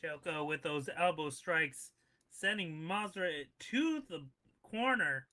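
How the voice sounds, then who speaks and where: A man doing play-by-play as a wrestling commentator in an excitable, exclamatory way. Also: a little high, takes it slowly. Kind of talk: wrestling commentator calling moves.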